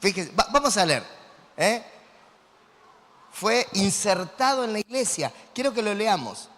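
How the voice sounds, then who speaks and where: A man with an Argentine Spanish accent preaching a sermon as a pastor, animated and quizzing his congregation. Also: high-pitched, unhurried. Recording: long hall reverb.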